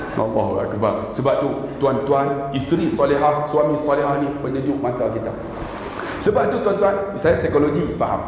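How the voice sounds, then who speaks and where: A man giving a comic sermon in a surau prayer hall, telling jokes and stories in an animated way. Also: mid-range voice. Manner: animated, joking storyteller. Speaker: religious preacher. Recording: echoey hall with PA noise.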